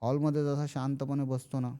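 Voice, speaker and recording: A man's voice: mid-range voice, little pitch movement, moderate pace, dark tone, clean tone. A man telling a horror story casually, acting out the characters' lines. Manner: acts out characters' lines in quoted speech. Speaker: podcast guest storyteller.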